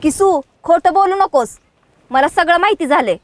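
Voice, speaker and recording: A woman's voice: extremely high pitch, expressive. Woman playing a firm, scolding village girl. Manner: firm, scolding, quick to call out lies. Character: sharp young village woman Radha.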